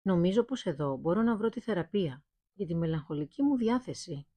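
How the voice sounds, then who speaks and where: A woman's voice: on the low side, lively intonation, warm tone, dry recording. A woman voicing a curious, amused caliph posing as a merchant. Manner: polite, amused.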